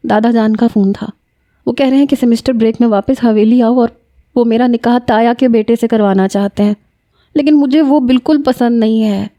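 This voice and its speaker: A woman's voice: pauses often, warm tone, dry recording, natural voice. A woman voicing a frightened, tearful young female student who pleads in a raised voice. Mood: tearful pleading. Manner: pleading, breathless, higher voice.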